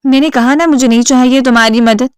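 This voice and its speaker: Woman narrator voicing a harsh, scolding thirties man, storybook reading, smooth and dry. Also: sits high, steady tone, no room sound, lightly acted. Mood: bitter, angry. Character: angry ill divorced man in his thirties.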